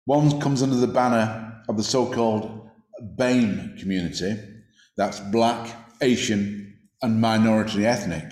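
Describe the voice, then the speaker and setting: A man's voice: on the low side, unhurried, darkish tone. Man from preaching in an echoey room. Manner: reflective, conversational, with small restarts. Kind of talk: sermon. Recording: roomy echo.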